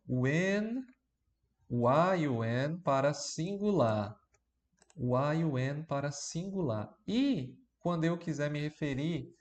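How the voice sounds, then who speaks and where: A man's voice: fairly high pitch, darkish tone. A Brazilian man teaching an English grammar lesson, explaining step by step and often checking in with the class. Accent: Brazilian Portuguese. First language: Portuguese. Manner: plays the student asking questions, then answers.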